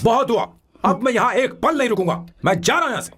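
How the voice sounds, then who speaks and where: A lovestruck film hero. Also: male voice, very high-pitched, expressive, fast, bright, forceful tone, husky, exaggerated voice. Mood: fed up. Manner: emotional, pleading. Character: lovestruck young male hero. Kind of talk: Hindi film dub.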